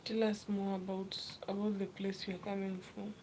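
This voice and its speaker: A young woman from Kenya chatting casually on a live stream, reading viewer comments aloud and often dropping to a soft, half-whispered voice. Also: mid-range voice, flat delivery, moderate pace, a little hiss or hum, low-quality recording. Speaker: livestreamer.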